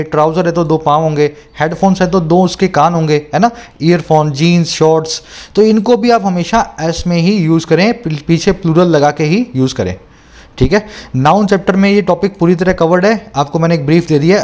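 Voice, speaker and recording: A young man teaching English for exams, explaining words slowly and repeating each term in two languages. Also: on the high side, a little mellow. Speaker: English tutor. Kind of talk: exam-prep lesson.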